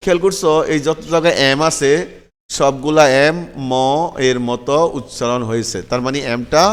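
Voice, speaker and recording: A man's voice: medium pitch, moderate pace, smooth, big-room sound. A man teaching English letter sounds, spelling words out letter by letter and repeating them patiently, often checking in with his learners.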